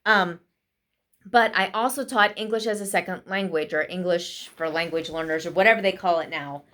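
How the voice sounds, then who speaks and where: A woman talks quickly and casually, giving tips to people learning English. Her delivery is chatty and full of fillers, as in an easygoing vlog. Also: lowish voice, a bit bright. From United States. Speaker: vlogger teaching English learners. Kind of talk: casual spoken lesson.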